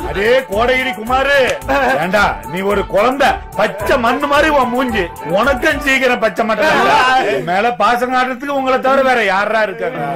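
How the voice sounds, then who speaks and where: A man's voice: extremely high pitch, moderate pace, over music. A man playing a weepy, sentimental drunk who wails and laments in a comic film scene. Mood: lamenting.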